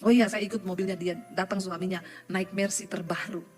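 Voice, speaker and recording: A woman's voice: fairly low pitch, level tone, fairly quick, over music. A woman pastor giving a sermon before a live congregation, telling a personal story, joking, laughing and often speaking straight to her listeners.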